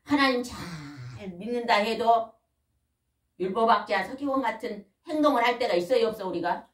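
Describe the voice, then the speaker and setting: An older woman preaching a folksy, animated sermon in a church, often asking the congregation questions. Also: on the high side, moderate pace. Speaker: pastor's wife preaching. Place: church hall. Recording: echoey room, mic at a distance.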